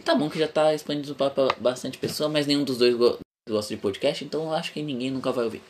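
A man's voice: mid-range voice, a little fast, a little hiss or hum. A young man hosting a casual podcast, talking frankly and rambling, swearing freely. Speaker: podcast host.

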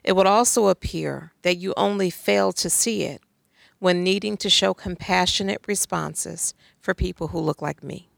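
Emphatic woman with a gravelly voice. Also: on the low side, normal speed, no echo. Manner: emphatic, pointed, with rhetorical questions. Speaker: guest speaker. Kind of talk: conversational talk on faith and society.

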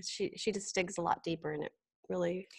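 A woman's voice: on the low side, steady tone, brisk, gravelly, slightly rough. A woman co-hosting a podcast, moving between casual chat and scripted announcements. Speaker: podcast co-host.

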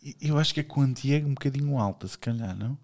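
A man's voice: mid-range voice, fast talker, darkish tone. A middle-aged man with a European Portuguese accent, co-hosting a casual podcast chat in a blunt, joking way that is full of casual swearing. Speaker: podcast co-host.

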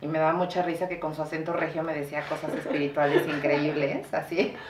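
A woman's voice: sits low, level tone, fast, over a noisy crowd. A Mexican woman co-hosting a podcast, chatting casually in slangy talk and swearing freely. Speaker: podcast co-host. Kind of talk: casual chat. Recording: echoey room, mic far off, faint noise.

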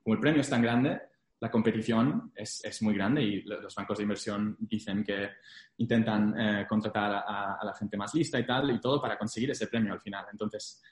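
Echoey, low-voiced young man speaking Spanglish. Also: fairly even intonation, normal speed. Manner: Spanglish, mixing English business terms into Spanish. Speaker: interview guest, former investment banking analyst. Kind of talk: casual interview, telling career experience. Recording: echoey room.

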